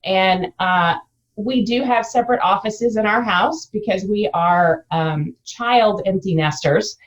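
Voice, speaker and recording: A woman's voice: mid-range voice, unhurried, highs cut off. A middle-aged woman answering casually as a business owner being interviewed.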